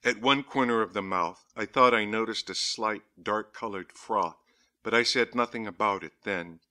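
Bright-toned man narrating a gothic diary. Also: fairly low pitch. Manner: measured, dramatic reading. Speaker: audiobook narrator.

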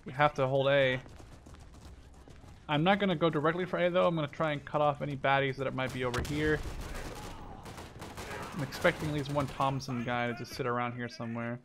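Over a noisy backdrop of video game gunfire, machine guns and clicks, this twenty-something host chats casually about his gameplay live. He rambles, fixes his own words often and swears without much thought. His mid-range voice holds a steady tone, fairly quick but broken by frequent pauses.

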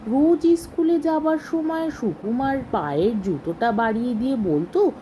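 A woman voicing a poor, resentful boy servant who talks in a low, hushed voice. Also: expressive, moderate pace, slight background noise, natural voice. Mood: aggrieved.

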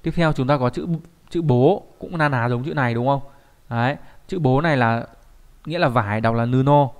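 A man teaches kanji in an online lesson. His pitch sits in the middle range. He keeps checking in with the class through rhetorical questions as he explains. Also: moderate pace, smooth.

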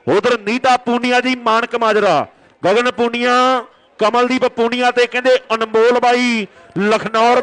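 A man giving excited rural kabaddi commentary, announcing in repeated stock phrases. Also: very high-pitched, smooth, rough recording.

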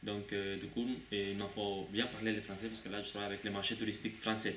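A man's voice: lowish voice, little pitch movement, fast talker, fairly bright tone. A young man from Cuba, a student, talking fluently and at length about his course. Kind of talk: interview answers. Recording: echoey room, mic at a distance, noise.

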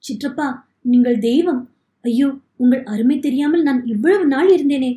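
A tearful young man pleads for forgiveness, his sorrow spilling into every line, as a woman reads him aloud. The voice sits high and mellow. It rings in an echoey room. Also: normal speed, natural voice. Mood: pleading. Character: remorseful young man, weeping, begging forgiveness.

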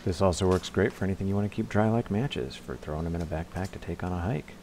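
A man with a very low voice narrates a hands-on DIY tutorial, calm and matter-of-fact. He speaks close to the mic as a voice-over, with a faint hiss of noise behind him. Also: quick pace. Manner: relaxed, practical, plain-spoken. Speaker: DIY channel host.

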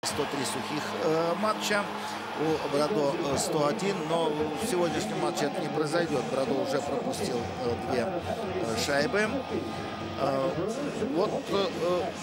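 Halting male hockey commentator, slightly high voice. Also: low-quality recording. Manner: hesitant, halting delivery with frequent drawn-out filler pauses. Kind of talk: live play-by-play sports commentary.

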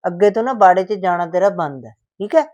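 A woman's voice: fairly low pitch, lively intonation, a little fast, a little mellow, muffled recording, lightly acted. A woman playing a stern scolding Punjabi mother-in-law. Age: older. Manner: scolding, lecturing. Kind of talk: village short-film drama.

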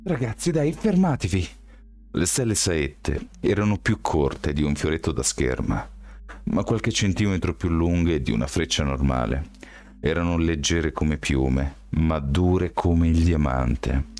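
A man reading a novel aloud as audiobook narration, in a steady, even storytelling manner. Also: a bass voice, measured pace. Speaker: audiobook reader.

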